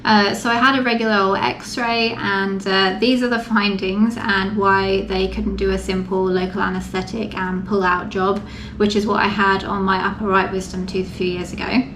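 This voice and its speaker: A woman's voice: mid-range voice, level tone, moderate pace, fairly bright tone. A woman talking informally and matter-of-factly, explaining things step by step in a casual vlog. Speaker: vlogger. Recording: echoey room with faint background noise.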